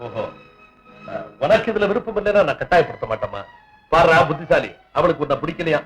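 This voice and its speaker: A man's voice: fairly high pitch, big pitch swings, quick pace, soft background music, poor audio. Kindly fatherly man. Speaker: actor in a film scene. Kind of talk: 1960s film drama dialogue.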